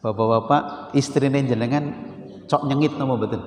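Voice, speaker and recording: A man with a Javanese accent preaching a Sunday morning sermon in a mosque, teasing his listeners with questions and repeating key phrases slowly. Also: mid-range voice, steady tone. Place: mosque hall. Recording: roomy hall echo with faint noise. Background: congregation laughing from far off.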